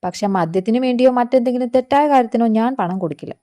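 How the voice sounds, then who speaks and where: A woman voicing a calm, firm, protective wealthy young husband in a storybook narration. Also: very high voice, quick pace. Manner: quiet and firm.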